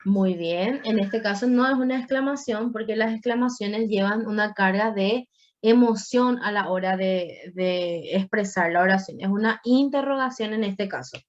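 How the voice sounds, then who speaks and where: A woman's voice: medium pitch, normal speed, lo-fi sound. A woman teaching a Spanish grammar class online, explaining patiently with playful asides to her students.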